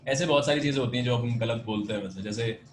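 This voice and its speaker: Patient Indian math teacher on a call. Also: male voice, mid-range voice, quick pace, roomy sound, slight background noise. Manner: patient, explanatory, mixes Hindi and English, calls students "beta". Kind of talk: online class lecture. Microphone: video call.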